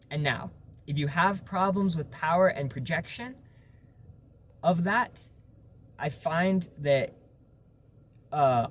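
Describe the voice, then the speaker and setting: A man's voice: on the high side, slight background noise. A man giving an informal, explanatory tutorial on vocal technique, stressing points through repetition.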